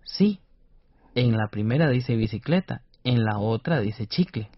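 A man's voice: medium pitch, expressive, measured pace, no room sound. A man co-presenting a scripted educational radio lesson, explaining carefully and over-articulating syllables. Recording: dull dry studio radio recording.

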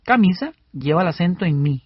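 Man, radio co-teacher, lively intonation, husky, dull recording. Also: a little high, no room sound. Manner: explains plainly, breaks words into syllables slowly. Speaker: radio lesson co-host. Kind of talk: scripted educational radio.

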